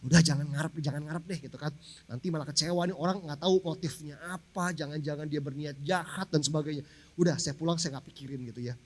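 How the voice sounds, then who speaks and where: A man's voice: on the high side, steady tone, fast talker. A man preaching a sermon to his congregation, telling a personal story in a casual, conversational way and speaking to the listeners directly. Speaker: pastor. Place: large church hall. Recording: long church hall reverb.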